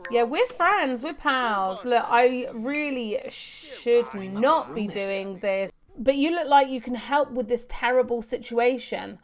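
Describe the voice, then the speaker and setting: This woman's fairly high voice moves slowly as she gives a relaxed video game walkthrough. She talks to herself while she plays and reads out whatever text appears on screen.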